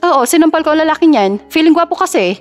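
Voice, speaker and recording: A woman voicing a feisty, sharp-tongued young woman in her twenties in an audio story. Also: high voice, lively intonation, quick pace, faint music behind, pitched above the performer's own voice. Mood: sassy. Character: feisty young woman, fresh college graduate.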